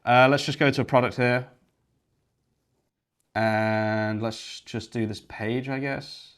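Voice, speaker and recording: A young man from Yorkshire, England, hosts a coding livestream, chatting casually and rambling as he thinks aloud and clicks around. His voice is medium-pitched and steady, slow-paced, clear and resonant.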